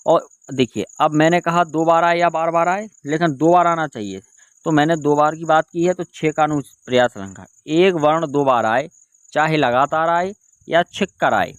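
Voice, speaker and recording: A man's voice: a little high, moderate pace, smooth, no room sound, lo-fi sound. Man teaching an exam-prep lesson. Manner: repeats key terms, asks and answers own questions. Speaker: Hindi exam tutor.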